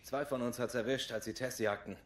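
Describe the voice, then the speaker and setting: A man's voice: medium pitch, fairly even intonation, fairly quick, lightly acted. A man playing a wary, matter-of-fact gang guard in a dubbed video game. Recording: roomy, echoing game sound.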